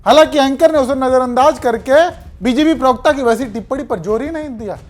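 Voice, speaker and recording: A narrator delivers a news commentary voice-over in a fairly high voice. The delivery is pointed, with sarcastic asides between recaps. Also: a little fast.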